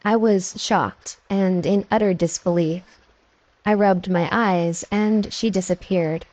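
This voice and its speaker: A woman narrating scary stories from a script, with steady, measured storytelling. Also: mid-range voice, no echo, rough recording.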